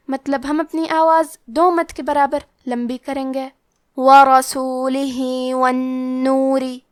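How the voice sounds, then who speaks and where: A woman teaching Quran recitation, explaining pronunciation rules step by step and reciting slowly with drawn-out sounds. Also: high-pitched, dry recording, clean studio sound. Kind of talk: tajweed lesson.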